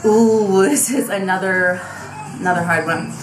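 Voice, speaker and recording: A woman's voice: mid-range voice, measured pace, echoey room, music in the background. A woman in her twenties chatting casually to camera in a tag video, talking animatedly with lots of fillers, in a small bedroom. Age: 20s. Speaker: beauty vlogger. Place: small bedroom with vanity, indoors.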